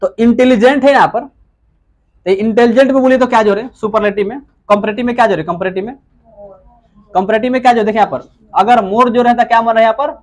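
An English grammar teacher with an extremely high pitch and fairly even intonation lectures as in a classroom. He poses questions, answers them himself, and repeats key words slowly.

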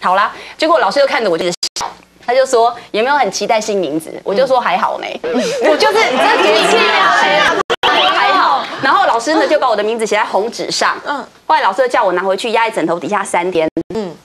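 A woman, a talk show guest telling a story in a lively way, acting out other people's lines. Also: on the high side, quick pace, a faint crowd, slight background noise. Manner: lively, acts out others' lines, laughs often. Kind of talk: animated storytelling.

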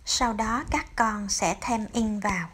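A woman's voice: medium pitch, a bit bright, a little hiss or hum. A woman with a Vietnamese accent teaching an English grammar lesson to children, patiently spelling out example words. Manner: calls herself teacher, addresses pupils as children, drawn-out example words.

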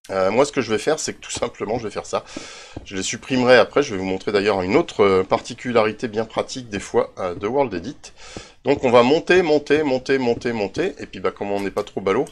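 A man hosting a casual game tutorial, thinking aloud as he reads out coordinates, with self-mocking asides and drifting away from his desk mic at times. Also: on the low side. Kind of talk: casual screen-recorded tutorial.

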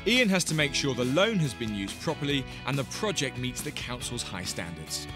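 A man reads a documentary voice-over in a measured, scripted way. His pitch moves in a lively arc, and clear music plays behind him. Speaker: documentary narrator. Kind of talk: scripted narration.

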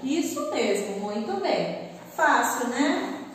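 Patient woman teacher, very slow and lively-pitched, recorded from afar in a roomy, echoing classroom. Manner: slow, patient, spells out syllables. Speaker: school teacher. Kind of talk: recorded classroom lesson for pupils. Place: classroom with a board. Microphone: camera at a distance. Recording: echoey room, far from the mic.

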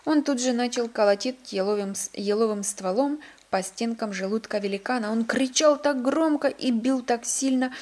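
Expressive woman reading a picture book. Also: fairly high pitch, moderate pace, few pauses. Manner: expressive, occasional slips and restarts. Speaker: storyteller. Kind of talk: reading a children's book aloud.

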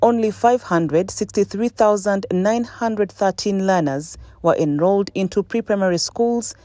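Ugandan newswoman voice-over, mellow and dry, formal measured read. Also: mid-range voice, no echo. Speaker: news reporter. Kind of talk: scripted news narration. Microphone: studio voice-over.

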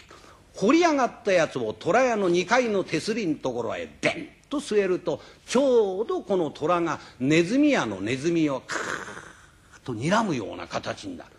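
A man telling a comic rakugo story with lively playful asides. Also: a little high, gravelly.

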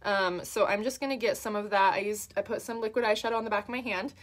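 A woman's voice: mid-range voice, fairly even intonation, fast talker. A woman talking through a makeup tutorial in a chatty, upbeat way, with lots of fillers as she works. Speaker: makeup artist.

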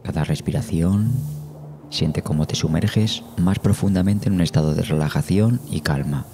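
Speaking Spanish, a male guide leads a meditation with slow, soothing, measured phrases and long pauses. His voice sits low and sounds warm, backed by meditation music.

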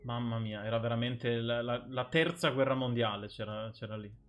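A man's voice: medium pitch, fairly even intonation, moderate pace, faint music behind. A man streaming a game live, chatting and joking with his viewers as he plays. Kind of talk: casual live gameplay commentary.

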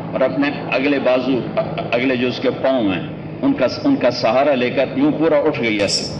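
A male preacher telling stories in a sermon, swinging between loud, raised lines and soft, low ones. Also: background noise. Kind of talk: storytelling sermon.

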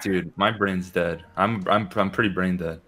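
Excitable bright-voiced young man. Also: sits low, normal speed. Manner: excitable, swears, shouts out guesses. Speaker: contestant. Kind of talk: excited casual banter.

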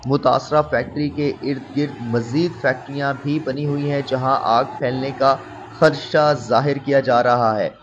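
A man reads breaking news as a voice-over, from Pakistan, formal in wording but pausing and restarting often. The recording is a little dull and lo-fi, with a faint hiss underneath. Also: mid-range voice, steady tone. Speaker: news vlogger reporting.

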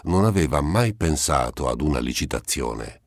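A man with a very deep voice reads a classic novel aloud in measured, literary narration. The booth is dead dry and the microphone sits close. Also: expressive, vocal fry, no echo. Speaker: audiobook narrator. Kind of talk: scripted narration.

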